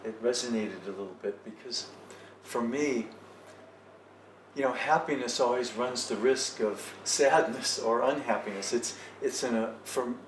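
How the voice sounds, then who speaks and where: In a cafe tea house, a man with a mid-range voice and measured pace hosts a casual, reflective group conversation, sounding thoughtful and hesitant. The recording is echoey and slightly noisy, captured from a distant mic.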